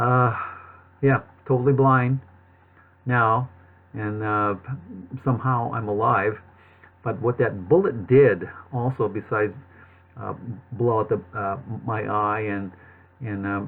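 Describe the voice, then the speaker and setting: A thin, phone-like recording carries a man with a fairly low voice. He tells a personal story haltingly, pausing and repeating words. His speech has a slight lisp and the slack articulation of a numb lip. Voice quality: numb-lipped articulation, like numb from the dentist. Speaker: vlogger telling his life story. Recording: thin, phone-like narrowband sound.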